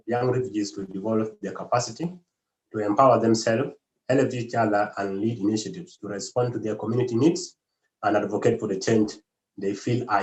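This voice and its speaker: A man's voice: lowish voice, darkish tone, roomy sound, low-quality recording. A man facilitating an online workshop, speaking with frequent hesitations and fillers.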